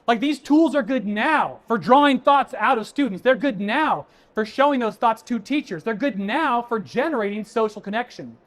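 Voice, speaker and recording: A man's voice: very high-pitched, animated, moderate pace, hardly any pauses, a bit bright. Man, keynote speaker, emphatic, conversational, addresses the audience directly. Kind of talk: emphatic conference talk. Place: conference stage before an audience.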